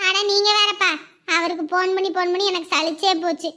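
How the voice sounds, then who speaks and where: Woman voicing a sulky young daughter, very high. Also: steady tone, a little fast, pushed and bright. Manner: weary, sulky complaining.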